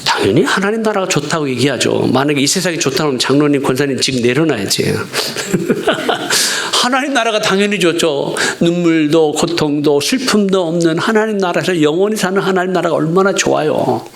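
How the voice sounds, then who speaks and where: High-voiced man preaching a sermon. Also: lively intonation, a little fast, creaky. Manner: earnest preaching that swings from pleading to emphatic repetition. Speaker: missionary preacher.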